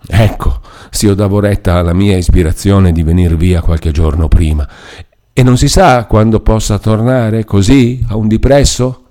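A man's voice: lowish voice, moderate pace, mellow, lightly acted. A man reading aloud and voicing a distressed middle-aged peasant mother who pleads anxiously, close to tears.

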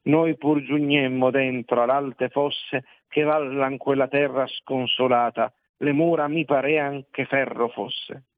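A man reciting classic verse in a measured, solemn way. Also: medium pitch, fairly even intonation. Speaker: reader. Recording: tinny narrow-band dry recording.

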